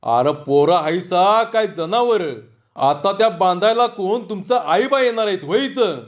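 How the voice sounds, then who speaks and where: A man voicing an angry village man who scolds a crowd loudly in rural dialect. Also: high voice, lively intonation, unhurried, dull audio.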